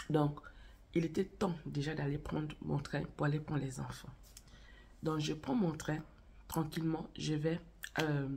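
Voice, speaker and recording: This channel host chats directly to viewers in a relaxed vlog on faith and marriage, telling a story despite her cold and cough. She has a deep, creaky voice, darkish in tone with a breathy edge.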